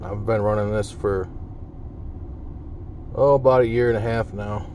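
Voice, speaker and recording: This man's fairly low, darkish voice stays fairly even in intonation at a measured pace. He's a vlogger giving a casual, plain-spoken, folksy hands-on demo of CB radio gear from inside a parked vehicle cab, captured on a handheld device with car cabin noise.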